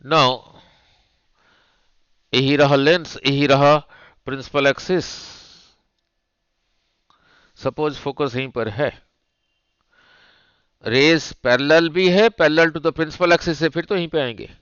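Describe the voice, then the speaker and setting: Slow-talking male physics teacher, dull lo-fi audio. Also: mid-range voice, fairly bright tone, clean tone, no room sound. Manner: slow, repetitive, checks understanding with rhetorical "nahin?". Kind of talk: classroom lecture at a board.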